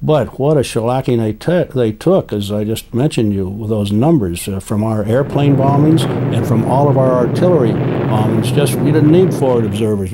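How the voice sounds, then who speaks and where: An elderly man, a war veteran recalling his experiences in an interview, speaking haltingly and deliberately with long hesitations. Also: mid-range voice, heavy background noise. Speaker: WWII veteran being interviewed.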